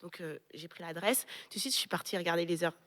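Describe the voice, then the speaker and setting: A young Frenchwoman, pastor and co-host, telling a story in a lively casual way and acting out the voices of people she quotes. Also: fairly low pitch, quick pace. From France. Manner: lively, animated retelling with quoted voices and laughter.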